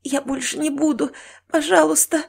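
A woman's voice: a little high, steady tone, moderate pace, a little mellow, slightly rough. A woman narrator voicing a frightened, hurt young pregnant woman who pleads breathlessly in an audiobook. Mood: panicked.

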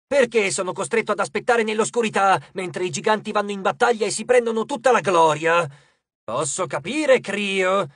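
A man doing a loud, boastful Titan lord. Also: high-pitched, dry recording, clean studio sound. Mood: indignant. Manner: loud, boastful, shouting, drawn-out words. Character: boastful, hot-tempered male Titan lord of dawn.

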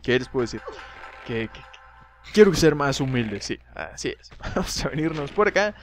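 Excitable man narrating his gameplay. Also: medium pitch, moderate pace, slight background noise. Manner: excitable, shouts at enemies, jokes about own mistakes. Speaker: gameplay guide host. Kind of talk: video game walkthrough commentary.

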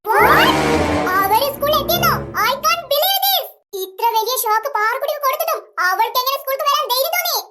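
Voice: very high-pitched, expressive, fast talker, hardly any pauses, loud music behind the voice. A voice actor playing bossy little schoolgirls in a cartoon, chirpy and scolding. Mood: teasing. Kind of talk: cartoon voice acting.

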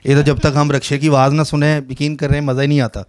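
A man's voice: fairly high pitch, little pitch movement, fast talker, a little mellow, clean tone. A man with a Pakistani accent hosting an interview, talking in a chatty, earnest, patriotic way. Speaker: interview host. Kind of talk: casual interview chat.

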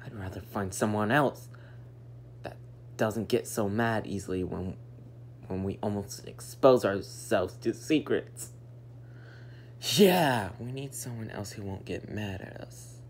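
A woman voicing a mild young male fox mechanic for a plush toy fan show, speaking softly and sheepishly. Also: extremely low pitch, a little slow, pauses often, slight background noise. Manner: soft-spoken, sheepish and mildly exasperated.

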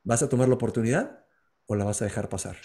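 A man telling a motivational parable as a life coach, in a dramatic, animated way. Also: medium pitch, fast. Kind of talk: motivational storytelling.

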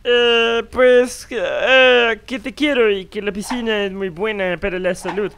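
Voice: mid-range voice, steady tone, unhurried, vocal fry, a bit bright, smooth. A performer playing a nervous father who hesitates and stammers with many fillers.

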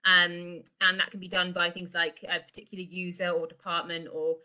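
Speaking through a video call microphone, a middle-aged woman presents a product in an informal, explanatory style reminiscent of an online sales walkthrough. Her voice is a bit low for a woman, bright and forward-edged, delivered smoothly in a monotone at normal speed.

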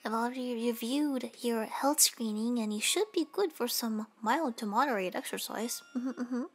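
A woman's voice: fairly high pitch, moderate pace, husky, soft background music. A woman playing a teasing young nurse in a casual, joking, rambling comedic role-play. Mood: flippant, chatty. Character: teasing, flippant young female nurse questioning a patient.

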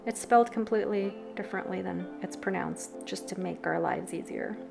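Woman briskly reciting sailing terms. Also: medium pitch, gravelly, over loud music. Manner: brisk list-like explaining with wry asides. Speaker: sailing vlogger. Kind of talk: casual vlog to camera. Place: home room indoors.

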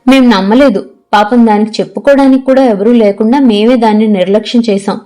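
A woman's voice: a little high, fairly even intonation, a little fast, mellow, soft background music, natural voice. A woman narrator voicing a tearful college girl who speaks with distress and remorse. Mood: remorseful.

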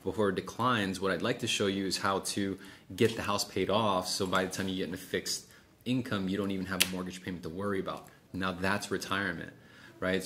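In a small indoor office meeting room with clearly noisy room sound, a middle-aged man coaches someone one-on-one, explaining casually, acting out sample sales dialogue and checking in often. His voice sits low and is a bit bright.

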